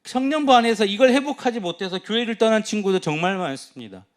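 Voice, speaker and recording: A youth pastor preaching a sermon, earnest and emphatic, firing rhetorical questions at the congregation. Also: male voice, sits high, animated, fast talker.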